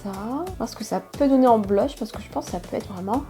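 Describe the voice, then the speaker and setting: A woman's voice: a little high, brisk, mellow, faint music behind. A young woman chatting casually and enthusiastically while walking through a makeup tutorial as a beauty vlogger. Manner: chatty, enthusiastic about colors.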